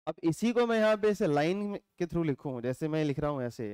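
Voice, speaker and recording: A male teacher, giving a chemistry lecture, explaining slowly and repeating points while quizzing his students. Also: fairly high pitch, animated, a little mellow, clean tone, dry recording. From India.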